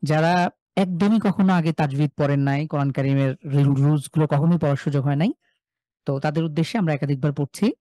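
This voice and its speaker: A man's voice: fairly high pitch, fairly even intonation, fast, dark tone, dry recording. A man teaching Quran recitation rules in a live online class, patiently repeating syllable drills and speaking to students by name. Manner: addresses students by name, reads chat replies.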